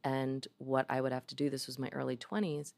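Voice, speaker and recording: A woman's voice: extremely low pitch, flat delivery, fairly quick, creaky, a little mellow, no echo. A woman in her forties talking openly and emotionally in a podcast conversation, swearing freely. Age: 40s.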